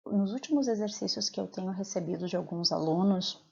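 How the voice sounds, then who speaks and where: Raspy, gravelly-voiced Brazilian teacher woman. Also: medium pitch, brisk, a little mellow, dull audio. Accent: Brazilian Portuguese. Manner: clear, patient explaining with questions to pupils. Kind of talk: recorded lesson.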